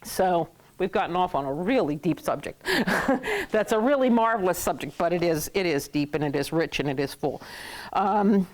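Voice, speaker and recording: A woman's voice: on the low side, lively intonation, moderate pace. A woman teaching a class who jokes with her students, laughs often and repeats words to drill them. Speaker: Hebrew teacher. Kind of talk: classroom lesson.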